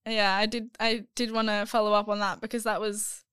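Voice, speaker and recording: A woman's voice: medium pitch, level tone, fairly quick, a bit bright, clean tone, no echo, studio quality. Giggly young woman, podcast co-host. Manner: chatty, giggly, filler-heavy. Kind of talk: casual chat.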